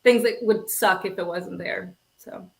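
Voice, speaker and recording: A woman songwriter chatting softly on a video call, giggling and trailing off between thoughts. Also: mid-range voice, a little slow, gravelly, poor audio. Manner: soft-spoken, giggly, trailing off. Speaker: songwriter guest. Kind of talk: casual chat on a video call.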